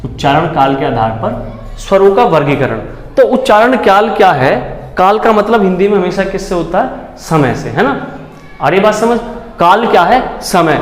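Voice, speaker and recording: A male teacher giving an exam-prep grammar lesson, who keeps asking questions and answering them himself and often checks that the class understands. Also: high-pitched. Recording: echoey room with long reverb and faint background noise.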